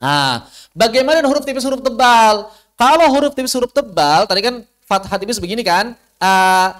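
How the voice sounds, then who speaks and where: A man's voice: high voice, animated, fairly quick, a bit bright. A man with an Indonesian accent teaching Arabic pronunciation as a Quran teacher, over-enunciating and drawing out sounds to demonstrate. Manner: instructive, with repeated examples and rhetorical questions. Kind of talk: live lesson on Arabic pronunciation.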